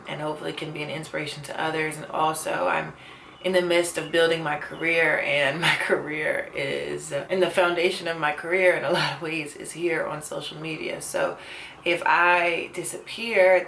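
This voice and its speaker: Her voice sits low, creaky and fairly bright, in a reverberant space with some hiss or hum. A twenty-something vlogger, she talks candidly and reflectively to her camera mic, earnest and fond of saying "like" and "you know."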